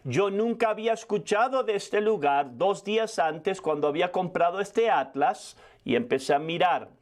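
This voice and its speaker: A man in his sixties telling a story in a sermon as a preacher, quick and full of restarts. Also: sits high, lively intonation. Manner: fast storytelling with frequent restarts. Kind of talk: sermon testimony.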